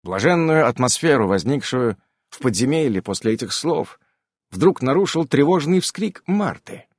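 A man narrating a fantasy audiobook in a lively, dramatic storytelling manner. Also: mid-range voice, moderate pace, no echo, clean studio sound. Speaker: audiobook reader.

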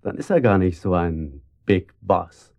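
An actor playing a persuasive man courting a married woman in a radio drama, soft-spoken. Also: deep voice, lively intonation, a little slow, vocal fry, muffled recording, exaggerated voice. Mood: probing. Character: smooth adult male lover calling himself a doctor.

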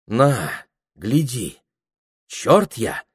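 A man's voice: medium pitch, very animated, extremely slow, breathy edge, no room sound, clean studio sound, pitched above the performer's own voice, full character voice. A man putting on a sly sing-song village woman. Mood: teasing.

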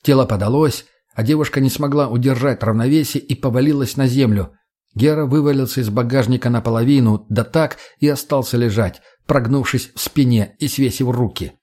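A man's voice: mid-range voice, fairly quick, dark tone. Man narrating an audiobook. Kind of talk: scripted narration.

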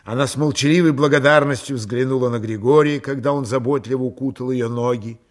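Calm man narrating an audiobook. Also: medium pitch, brisk.

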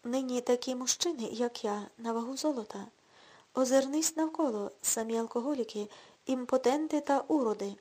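A woman's voice: on the high side, moderate pace, a little mellow, breathy edge. A woman reading the lines of a drunken, boastful washed-up middle-aged man who talks in a pushy, self-assured, coaxing way.

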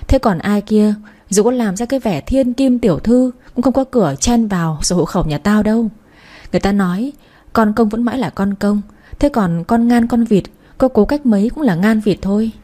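A woman's voice: mid-range voice, animated, moderate pace, mellow, lightly acted. Woman reading a blunt taunting young woman. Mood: mocking. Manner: mocking, taunting.

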